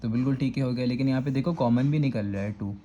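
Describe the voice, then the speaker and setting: A man's voice: medium pitch, fast, warm tone, lo-fi sound, a little hiss or hum. A man with a Karachi Urdu accent teaching a step-by-step math lesson, patiently repeating "thik hai" to check that students follow. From Pakistan.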